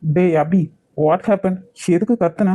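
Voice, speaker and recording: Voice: medium pitch, steady tone, slow, warm tone. A voice actor doing a teasing young friend. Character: young man, the boss's easygoing friend. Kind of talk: cartoon voice acting.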